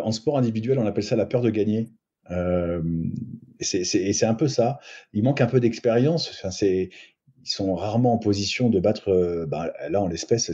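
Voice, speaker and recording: A man's voice: lowish voice, mellow, husky. A middle-aged man as a podcast guest, giving thoughtful rugby analysis with many hesitations and restarts. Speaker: guest sports agent. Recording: muffled lo-fi recording.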